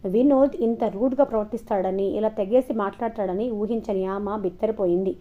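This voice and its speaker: A woman storyteller narrating an audio novel in an expressive, steady way, in a dull lo-fi recording. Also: medium pitch, fairly quick.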